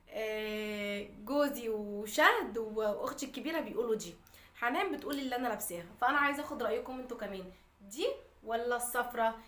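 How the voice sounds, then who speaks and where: A woman with an Egyptian Arabic accent chats to her viewers in a relaxed daily vlog. Her voice is bright and a touch high. She rattles along at a quick pace. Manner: chatty, talks straight to viewers. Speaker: vlogger.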